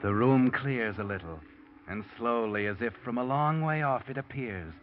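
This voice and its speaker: In a dull old radio broadcast with music, a man voices a mysterious narrator who speaks ominously to the guilty in a 1940s radio drama. His voice sits at medium pitch, moves at a moderate pace, and is lightly acted.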